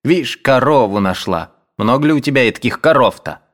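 A man doing a scolding sharp-tongued housekeeper. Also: mid-range voice, lively intonation, moderate pace, voice pushed up, close to an everyday voice. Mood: snapping. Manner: scolding, snapping.

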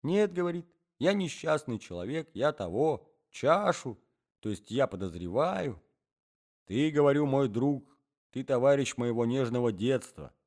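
A man's voice: mid-range voice, big pitch swings, moderate pace, darkish tone, voice pushed up. A man voicing a jealous middle-aged man who pleads and laments in an agitated way. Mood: lamenting.

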